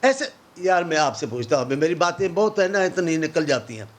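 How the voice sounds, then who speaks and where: On a televised debate show, a man with a notably high, sing-song voice argues as an opposition politician. He is impassioned and biting, firing off rhetorical questions and sarcastic asides.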